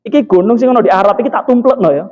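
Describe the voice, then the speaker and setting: A man's voice: high voice, rapid-fire, lightly acted. A man voicing an angel who is outraged. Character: angered heavenly angel. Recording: dull, echoey mosque hall.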